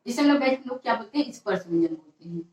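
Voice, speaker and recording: A woman teaching an exam-prep lesson, going slowly and repeating each point as she quizzes her students. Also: fairly high pitch, expressive, a little mellow. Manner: slow, repeats each point and asks the class questions. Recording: echoey room, far from the mic.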